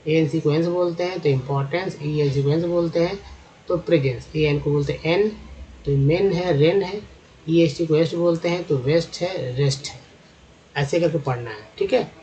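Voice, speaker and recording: A man's voice: on the high side, moderate pace, dark tone, highs cut off. A man teaching English phonics over slides, spelling out letter groups and then sounding out example words patiently.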